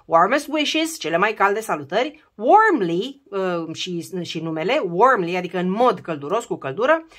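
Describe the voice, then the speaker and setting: A woman teaching English phrases in a casual video lesson, explaining warmly and checking in often with her viewers. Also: lowish voice. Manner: lively, explains with frequent "da?" check-ins.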